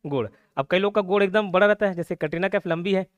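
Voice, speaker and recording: A man's voice: high-pitched, fairly even intonation, quick pace, no room sound. A young man, giving a casual exam-prep lecture with playful memory tricks, checking in often with his students. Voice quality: chatty, repeats check-ins like "okay" and "clear". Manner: playful mnemonics, laughs at own jokes. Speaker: exam coaching teacher.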